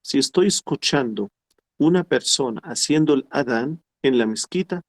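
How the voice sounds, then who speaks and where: Man, middle-aged, online class lecture, slightly high pitch, slow repeated explanations. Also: darkish tone. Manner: explains slowly and repeats phrases, quotes Arabic formulas. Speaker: teacher.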